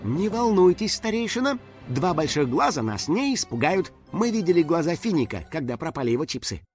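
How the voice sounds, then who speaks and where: A man's voice: fairly high pitch, big pitch swings, a little fast, soft background music, voice pushed up. A man voicing a young girl who is sensible and a little sarcastic. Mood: dry. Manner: dry, matter-of-fact remarks.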